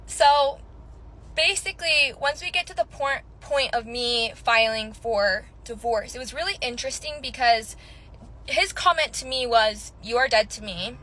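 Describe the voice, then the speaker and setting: A woman's voice: high voice, lively intonation, a little slow, bright, forceful tone, poor audio. A woman with a Utah American accent telling a personal story casually and chattily, peppering it with "like". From Utah, United States. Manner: chatty, many "like"s.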